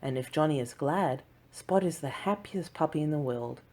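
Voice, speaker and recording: A woman narrating a children's storybook in a slow, clear and gentle reading voice. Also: sits low. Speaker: audiobook narrator.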